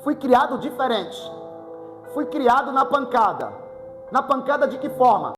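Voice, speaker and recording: High-voiced Brazilian pastor in an echoing church. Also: male voice, lively intonation, unhurried. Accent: Brazilian Portuguese. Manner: fervent preaching, rising to shouts. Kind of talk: sermon. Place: church sanctuary. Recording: long church reverb with music.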